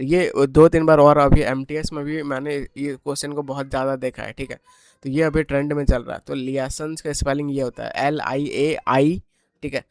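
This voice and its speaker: A man's voice: mid-range voice, no echo. A man teaching an exam paper walkthrough lesson, explaining step by step and asking and answering his own questions.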